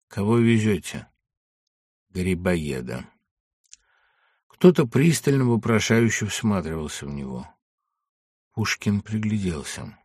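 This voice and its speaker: A man with a lowish voice reads a literary audiobook with expressive, varied delivery. The sound is dry and close, with no room around it. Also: dry recording. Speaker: audiobook narrator.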